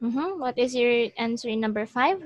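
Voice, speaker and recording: A woman's voice: on the high side, expressive, moderate pace, dry recording, highs cut off. A woman teaching a one-on-one pronunciation lesson, instructing and repeating words and phrases for the learner. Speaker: English teacher.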